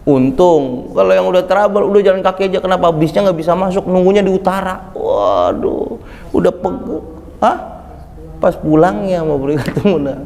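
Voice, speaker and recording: A man preaching a mosque sermon, telling lively stories and acting out the people he quotes. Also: sits high, moderate pace, gravelly. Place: mosque hall. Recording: reverberant mosque hall, faint background noise.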